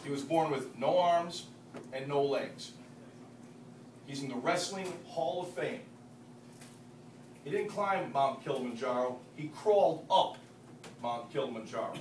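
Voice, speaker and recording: A man's voice: mid-range voice, measured pace, long pauses. Man giving a roomy, distant pep speech. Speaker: team leader introducing guest speaker. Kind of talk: halftime pep speech, rousing introduction. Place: large indoor team meeting room. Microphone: distant camera across the room. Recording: roomy, distant camera audio, faint noise.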